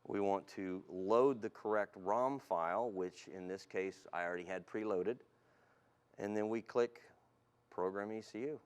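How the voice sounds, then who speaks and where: During an interview, a male car tuning specialist on as a guest gives a straightforward product explanation, polite and to the point. His voice is fairly low, unhurried and clean-toned.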